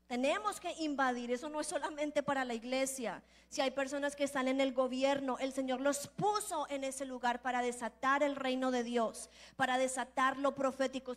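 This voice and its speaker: Higher-voiced woman preaching a testimony. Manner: lively storyteller who acts out the voices in her stories; earnest, building to emphatic declarations. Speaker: prophet and preacher. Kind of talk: sermon with personal testimony. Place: church conference.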